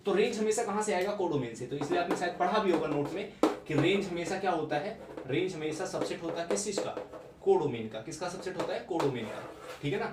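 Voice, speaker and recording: A man's voice: high-pitched, expressive, fast talker. Man teaching maths in an echoey room. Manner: repetitive, checks understanding with rhetorical questions. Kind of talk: classroom-style lecture. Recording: echoey room, mic at a distance, background noise.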